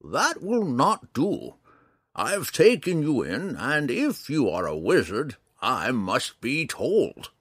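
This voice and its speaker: A man voicing a stern, gruff male woodland hermit who scolds in a raised, high voice. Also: huge pitch swings, slow pace, fairly bright tone, dry recording, clean studio sound, full character voice. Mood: scolding.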